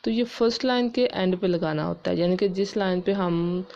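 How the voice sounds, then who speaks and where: A woman English teacher explaining grammar rules step by step, spelling words out letter by letter and reading English rules slowly and carefully. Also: on the low side, darkish tone, highs cut off. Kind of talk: classroom-style grammar lesson.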